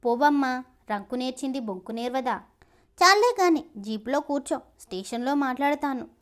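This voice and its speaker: A woman voicing a rough, threatening male police officer. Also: sits high, animated, moderate pace. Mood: menacing.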